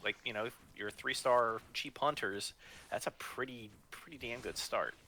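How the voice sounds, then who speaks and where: A man's voice: mid-range voice, unhurried, bright, forceful tone. A man co-casting a live esports match, analytical and explaining strategy in detail. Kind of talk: live game commentary.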